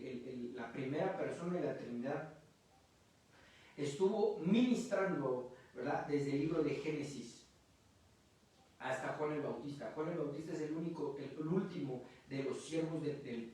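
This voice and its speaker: Guy preaching in church, kinda high voice, very echoey and far from the mic, keeps tossing in "verdad?". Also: a little slow, darkish tone. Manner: conversational preaching with frequent "¿verdad?" and repeated filler words. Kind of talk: sermon. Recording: very echoey room from a distance.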